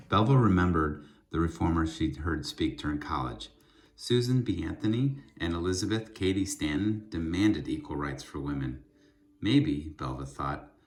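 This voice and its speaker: In a low voice, a man narrates a children's book with expressive, storyteller-like delivery. His phrasing is slow, deliberate and emphatic.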